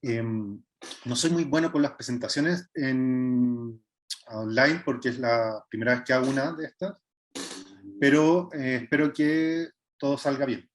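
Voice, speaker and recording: A Chilean man in his thirties, a visual artist, explains his work in an online workshop. His voice sits at an ordinary middle pitch, and he speaks hesitantly, often pausing on filler sounds and starting his sentences over. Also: fairly even intonation. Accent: Chilean Spanish. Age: 30s. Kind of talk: online art workshop presentation.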